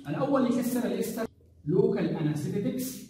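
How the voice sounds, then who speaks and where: A male pharmacology lecturer talks fast in a high, expressive voice, quizzing students with rhetorical questions and mixing English drug terms into colloquial Arabic. He's picked up by a distant mic in an echoey classroom, with faint noise and crowd sounds.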